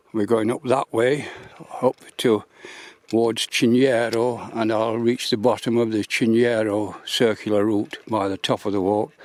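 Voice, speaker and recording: Guy talking slow on a mountain hike, out of breath, lots of uhs, phone mic outdoors. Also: fairly low pitch, darkish tone, no echo. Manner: slow, rambling, many uhs. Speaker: hiker filming his walk. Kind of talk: casual walking vlog. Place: outdoors on a quiet mountain path.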